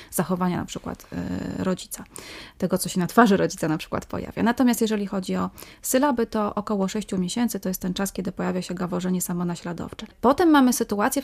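A woman speech therapist talks as a radio guest, with a gravelly, creaky edge to her voice. She explains step by step in a patient way and circles back to repeat her main points. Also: mid-range voice, darkish tone. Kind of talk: expert explanation in a radio interview.

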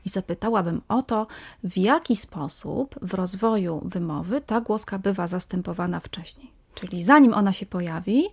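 Gravelly-voiced woman speech therapist. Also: medium pitch, moderate pace. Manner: patient, explanatory, repeats key points. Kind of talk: expert explanation in a radio interview.

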